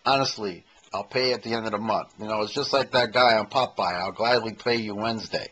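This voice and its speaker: A man's voice: lowish voice, fairly quick, fairly bright tone, slight background noise, rough recording. A man in his fifties doing a rambling, self-mocking comedy monologue to a camcorder in his own room. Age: 50s. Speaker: amateur comedian and impersonator. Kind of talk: stand-up comedy monologue to camera. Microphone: handheld camcorder mic.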